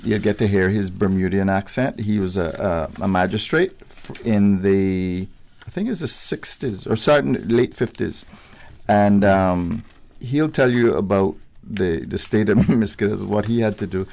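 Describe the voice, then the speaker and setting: A man co-hosting a radio show, explaining informally and haltingly. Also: fairly low pitch, animated, darkish tone. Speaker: radio co-host. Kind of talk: casual chat.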